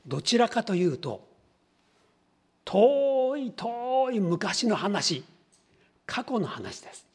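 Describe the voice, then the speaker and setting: A pastor delivers a sermon in a high, breathy voice with big pitch swings, taking his time. He teaches by posing questions to the congregation and acts out little everyday scenes using different voices.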